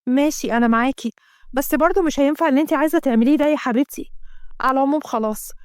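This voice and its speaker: A woman's voice: high-pitched, racing, a little mellow, no room sound, studio quality, lightly acted. A woman voicing a worried, protective office friend with an Egyptian Arabic accent, soothing in tone.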